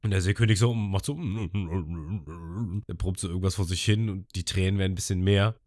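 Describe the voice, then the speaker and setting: A man's voice: low-pitched, moderate pace. A man hosting a podcast, casually retelling an episode and breaking into characters' lines with a raised voice. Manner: lively storyteller, quotes characters in a raised voice. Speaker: podcast host recapping episodes.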